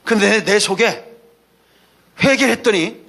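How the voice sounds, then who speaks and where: A man's voice: sits high, a little slow, pushed and bright. A man preaching a Sunday sermon as pastor, emphatic and folksy, calling for responses from the congregation between anecdotes. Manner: folksy, mixes asides and anecdotes.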